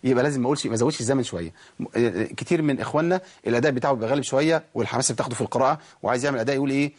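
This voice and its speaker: A middle-aged man speaks with an Egyptian Arabic accent and talks at a brisk clip. His voice sits at an ordinary pitch. He teaches recitation rules by firing off questions and answering them himself, then slows right down to chant drawn-out examples. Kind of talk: Egyptian colloquial tajweed lesson.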